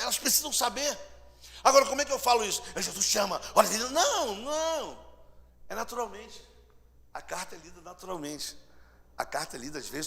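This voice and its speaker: A man preaching a sermon in a church, telling stories, swinging between loud bursts and hushed asides. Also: sits high, creaky, slightly rough. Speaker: pastor. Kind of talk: sermon with storytelling. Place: church hall. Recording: church hall reverb, mic at distance.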